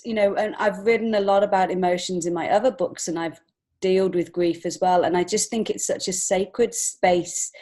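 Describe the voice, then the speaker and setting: On a podcast, a children's book author and illustrator shares personal stories in an interview, speaking in a voice on the low side that's a little mellow. Her manner is heartfelt and informal, and she opens up emotionally.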